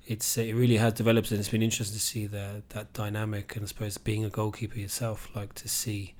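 A man hosting a casual sports podcast, talking in a rambling, halting way with plenty of "you know". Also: fairly low pitch, monotone, a little mellow. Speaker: podcast host.

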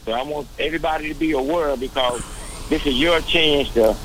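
A man calling in over the phone to a radio talk show to make a community announcement. He talks in an earnest, unhurried way, with many drawn-out fillers. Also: on the high side, fairly bright tone. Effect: heard over a phone line. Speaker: radio call-in caller. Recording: noisy phone line on a radio broadcast.

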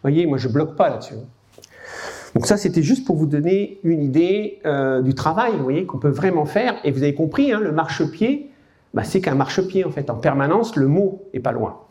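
Lively French lecturer, man, mellow voice. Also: on the high side, moderate pace. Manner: conversational, lively, frequent "hein" and "bah". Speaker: university lecturer and teacher trainer. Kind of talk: lecture to an audience.

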